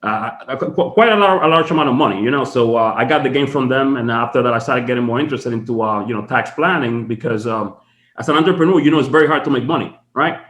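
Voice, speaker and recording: A man's voice: medium pitch, fast talker, fairly bright tone, reverberant. A man from the Dominican Republic, a podcast guest, telling his story in casual, chatty talk full of fillers from his home office. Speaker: guest, tax strategist.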